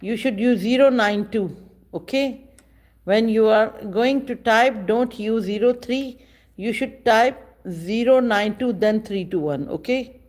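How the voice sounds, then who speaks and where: A woman, chatting casually with viewers on a livestream in slow, halting speech with many pauses. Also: on the high side, a little mellow. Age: 50s. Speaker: livestream host. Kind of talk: casual live chat with viewers.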